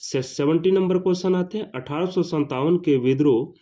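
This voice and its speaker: Speaking at normal speed, a man runs through history questions for an exam. Each question number comes out higher and louder, and after reading a question he repeats it together with the answer.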